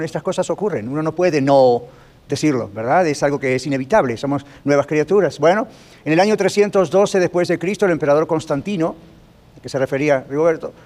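Fast-talking pastor teaching his congregation. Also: on the high side, a little mellow. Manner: rapid, conversational, asks the audience questions often. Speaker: pastor teaching a church class. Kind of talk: sermon-style Bible teaching. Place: large rented gym used for church meetings.

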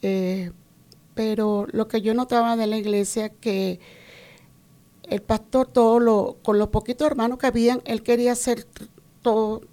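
A woman's voice: on the high side, level tone, unhurried, warm tone. A woman from Venezuela, telling her personal faith story in an interview, earnest and full of quoted conversations. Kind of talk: personal testimony.

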